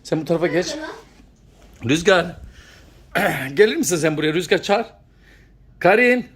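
A woman's voice: lowish voice, expressive, a little slow. A woman at home filming a casual vlog, coaxing and laughing as she calls to her pet. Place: home indoors.

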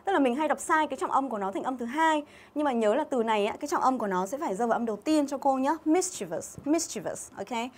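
A woman from Vietnam gives a live English review lesson, her voice sitting a little high. She is chatty and keeps calling out viewers' names from the comments between explanations. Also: rapid-fire, few pauses. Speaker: English teacher. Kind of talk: livestream exam-review lesson.

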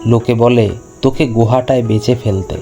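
A man voicing a poor, gentle middle-aged farmer who speaks softly and tenderly, full of sorrow, in a storybook reading. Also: medium pitch, fairly even intonation, moderate pace, soft background music, natural voice. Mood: tender grief.

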